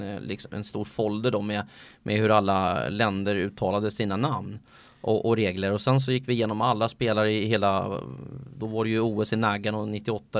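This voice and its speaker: A sports commentator talking in a casual podcast chat, hesitant and full of filler sounds. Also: male voice, on the low side, gravelly, no room sound.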